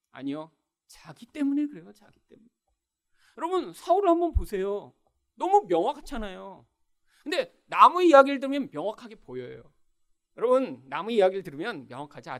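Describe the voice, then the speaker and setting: A man's voice: very high voice, a bit bright. A man preaching a sermon, emphatic, often turning to the congregation with rhetorical questions. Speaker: pastor.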